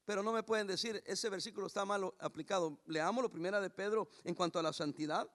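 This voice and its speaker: A man preaching a sermon as pastor, emphatic and raising his voice, reading scripture slowly and deliberately. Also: high voice, a bit bright.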